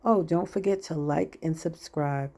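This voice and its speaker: A woman's voice: sits low, a little slow, dark tone. A woman chatting casually to her viewers while baking at home in her kitchen, sometimes with her mouth full. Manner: chatty, talks to viewers while cooking, hums while tasting; talks with mouth full at times.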